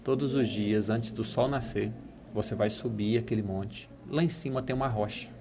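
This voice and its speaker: A fatherly, solemn God speaks slowly and gently in a Brazilian Portuguese accent, handing out a mission in a told parable, put on by a man in his own voice. There is faint noise behind him. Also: fairly low pitch, lightly acted. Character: God, a calm fatherly male voice from above.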